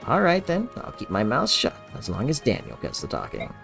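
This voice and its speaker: A man doing a gruff, rude merchant. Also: medium pitch, wildly swooping pitch, fairly quick, fairly bright tone, faint music behind, heavily acted. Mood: surly. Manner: blunt, surly.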